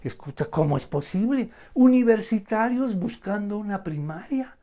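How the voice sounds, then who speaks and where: A preacher delivering an online sermon, swinging between loud exclamations and near-whispers and asking the listener rhetorical questions. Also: medium pitch, animated, moderate pace.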